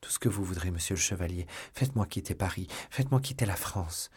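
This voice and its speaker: A man's voice: low-pitched, animated, quick pace, a little mellow, breathy edge, full character voice. A man voicing a frightened young maidservant who pleads for help, in an audiobook reading. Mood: pleading.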